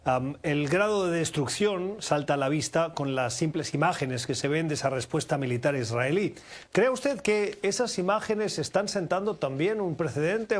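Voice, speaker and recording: A man working as a news anchor, setting up context and asking formal, structured questions of a guest. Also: on the high side.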